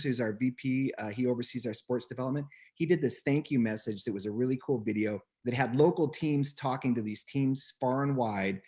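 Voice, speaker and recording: An upbeat man talking as a guest on a casual video call, enthusiastic and quick to laugh, often repeating words. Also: medium pitch, darkish tone.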